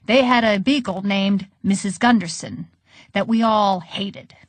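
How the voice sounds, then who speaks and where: Expressive woman audiobook narrator. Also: mid-range voice, unhurried, dry recording. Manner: expressive, conversational storytelling.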